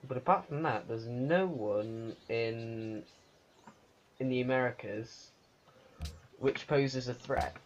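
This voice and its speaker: A man giving unscripted commentary on a strategy game, thinking aloud in a halting way. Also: mid-range voice, slight background noise. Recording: muffled lo-fi recording with music. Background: music.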